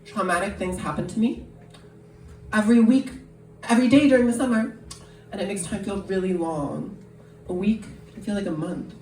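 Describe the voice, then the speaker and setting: A woman's voice: mid-range voice, normal speed, soft background music. Self-mocking woman comic in an echoey club. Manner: deadpan, self-mocking, laughs at own lines. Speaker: stand-up comedian. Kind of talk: stand-up comedy set. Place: live comedy venue. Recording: echoey live room, distant mic, loud crowd.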